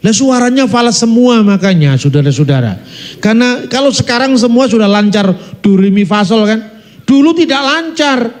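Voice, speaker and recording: Preacher guy, middle-aged, fairly high voice, lively storytelling sermon, keeps talking to the congregation. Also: normal speed. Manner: animated storytelling, addresses congregation, sings snatches of song.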